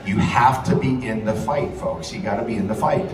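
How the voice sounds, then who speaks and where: Speaking at a normal speed with a fairly low pitch, this rally speaker and radio host gives a passionate, repetitive speech full of profanity. The sound is distant and echoey, taken in a large event hall where a loud crowd and room noise fill the background.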